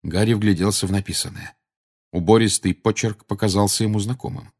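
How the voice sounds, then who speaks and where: A man narrating an audiobook in a measured storytelling manner. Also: lowish voice, steady tone, darkish tone. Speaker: audiobook reader. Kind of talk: scripted narration.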